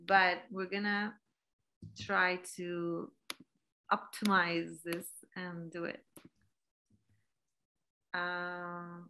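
A woman in her forties from Palestine gives a reflective online talk as a guest speaker from a room at home, heard through a laptop webcam on a video call. Her medium-pitched voice is pushed and bright, with many fillers and restarts, and the recording is rough.

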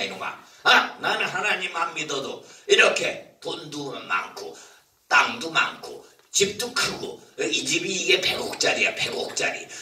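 A man's voice: high voice, bright, forceful tone, reverberant, distant mic, pitched above the performer's own voice, full character voice. A man voicing a scornful rich man who mocks and scolds a beggar in a church puppet show. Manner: mocking, scolding.

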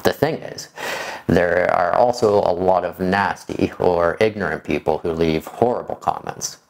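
A man in his forties speaking in a measured, explanatory way to camera, as a video creator, in a room indoors. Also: deep voice, gravelly, rough recording. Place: small furnished room indoors.

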